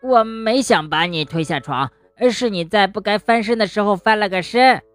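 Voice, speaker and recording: A woman's voice: medium pitch, moderate pace, no room sound, soft background music, voice pushed up, lightly acted. A woman voicing a cross, tearful young male animal in a children's bedtime story, sulky and whiny. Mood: indignant. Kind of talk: storybook voice acting.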